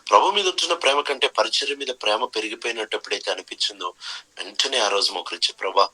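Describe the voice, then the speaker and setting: Male preacher, emphatic sermon delivery, bright and cutting tone, repeats his points. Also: lowish voice, quick pace, breathy edge, poor audio. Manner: emphatic, repeats key phrases, mixes in English phrases.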